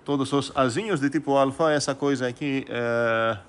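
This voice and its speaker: A man's voice: medium pitch, normal speed. A man giving a recorded math lecture, thinking aloud with many fillers and restarts and putting questions to the class. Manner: asks students rhetorical questions.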